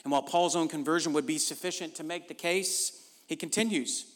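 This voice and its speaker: A man's voice: a little high, fairly even intonation, a little fast. A man preaching a sermon in an emphatic, conversational way, often checking in with the congregation. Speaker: pastor. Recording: long reverb of a large hall.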